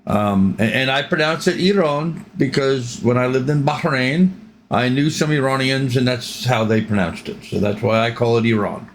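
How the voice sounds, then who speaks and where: A man's voice: mid-range voice, moderate pace, a little hiss or hum. An older man hosting a reaction channel, giving rambling, opinionated commentary with frequent ums.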